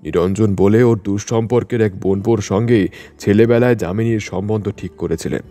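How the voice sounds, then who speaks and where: A man voicing an irritated, blunt village man in a story reading, gruff and scornful. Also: medium pitch, animated, moderate pace, warm tone, faint music behind, close to an everyday voice. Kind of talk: storybook narration.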